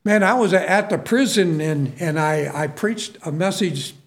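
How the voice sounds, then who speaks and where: High-voiced, unhurried preacher man. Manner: folksy and earnest, repeats words, calls out "Amen?". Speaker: preacher and prison minister. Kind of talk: storytelling sermon.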